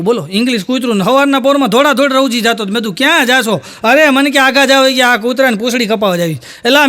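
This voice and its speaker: A man's voice: extremely high pitch, pushed and bright. A man telling folk jokes, rambling through stories and acting out each quoted voice. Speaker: stand-up comedian. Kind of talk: Gujarati folk comedy storytelling.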